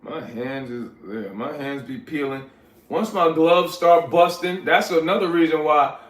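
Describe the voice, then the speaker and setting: This Liberian livestream host speaks unhurriedly in a voice on the high side, reading chat and calling his viewers "y'all" with easygoing slang. The audio has a roomy, echoey quality.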